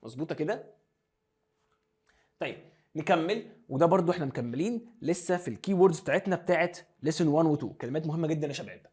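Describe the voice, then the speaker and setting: Egyptian guy teaching english words, quick and a bit high, switches arabic and english a lot. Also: lively intonation, darkish tone, husky. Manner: drills pronunciation, mixing Arabic and English. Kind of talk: classroom lesson explanation.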